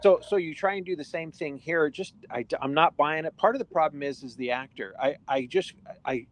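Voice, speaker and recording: A man's voice: a little high, brisk. A man hosting a podcast, giving his opinions in casual talk with frequent restarts. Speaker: podcast host.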